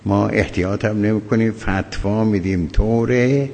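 A deep, gravelly man delivers a religious law lecture, measured and halting, often stopping mid-thought. His voice rings with a long hall echo over a faint hum of ambience. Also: darkish tone. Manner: measured, halting lecture with many pauses and fillers. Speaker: cleric teaching jurisprudence.

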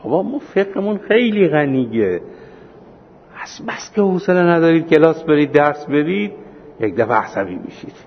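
A man teaching a seminary class on Islamic law, telling anecdotes with acted-out dialogue and slowing down for points of law. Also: on the high side, very animated, muffled recording, slight background noise. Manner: storytelling, acting out dialogue, slows for points of law.

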